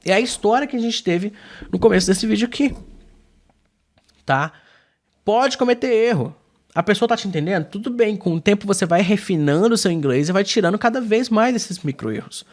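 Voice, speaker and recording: A man from Brazil teaching a casual video lesson, informal and slangy, with emphatic, swinging delivery and lots of filler tags. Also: moderate pace. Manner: emphatic, lively pitch swings. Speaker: English teacher.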